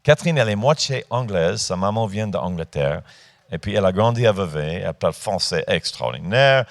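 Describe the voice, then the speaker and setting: A man's voice: deep voice, lively intonation, fairly quick, vocal fry. A man in his fifties preaching a sermon in a church, talking informally with hesitations and rising to emphatic points. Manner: rises to emphatic, lifted delivery on key points.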